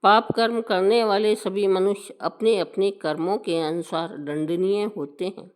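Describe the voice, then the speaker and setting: Stern male death messengers read by a woman, demanding, very slow, measured recitation. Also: medium pitch, fairly even intonation, lightly acted.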